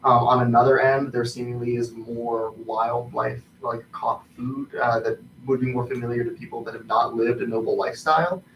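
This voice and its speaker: A man improvising tabletop game narration as game master, haltingly, searching for his words. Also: mid-range voice, fairly even intonation, lo-fi sound. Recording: distant mic, roomy echo, faint noise.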